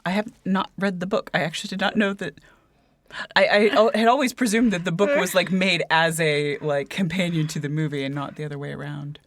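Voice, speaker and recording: A woman's voice: fairly low pitch, a little fast, no echo. A woman co-hosting a casual book podcast, talking hesitantly with lots of fillers and restarts. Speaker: podcast co-host.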